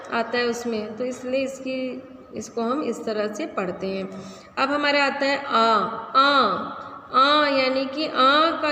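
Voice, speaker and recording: Woman teaching grammar to kids, high voice, asks then answers her own questions, echoey room, faint noise behind. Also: a bit bright. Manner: asks a question then answers it herself, repeats key terms. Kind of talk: Hindi grammar lesson for children.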